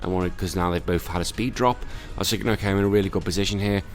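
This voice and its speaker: A man's voice: low-pitched, steady tone, racing, faint music behind. A tired man recovering from illness, casually commentating a Pokemon battle with lots of fillers and self-corrections.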